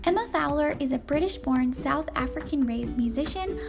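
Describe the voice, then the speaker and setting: Woman, podcast host, upbeat, effusive, high voice. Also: expressive, normal speed, gravelly, loud music behind the voice. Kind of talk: podcast interview.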